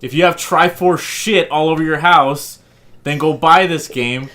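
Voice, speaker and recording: A man's voice: a little high, a little slow, pushed and bright. A young man co-hosting a podcast in casual chat, blunt and argumentative, swearing freely. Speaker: podcast co-host.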